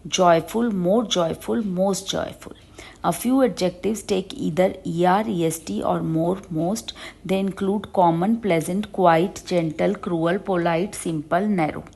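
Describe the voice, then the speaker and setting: A woman teaching a grammar class, with a fairly low voice. She drags slowly through English word lists, one word at a time, then hurries through short explanations in Hindi. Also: gravelly, darkish tone, slightly rough. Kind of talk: grammar lesson reading out examples.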